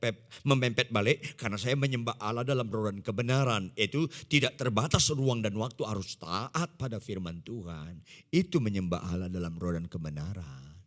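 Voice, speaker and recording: A man preaching a sermon in speech, emphatic, shifting between loud and quiet and putting questions to the congregation. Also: on the low side. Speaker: pastor. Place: large church hall. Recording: echoey church hall.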